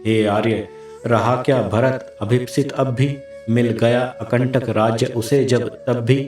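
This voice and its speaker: A man reciting the lines of a humble, despairing young prince in solemn, measured verse. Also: mid-range voice, fairly even intonation, darkish tone, faint music behind, lightly acted. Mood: grieving.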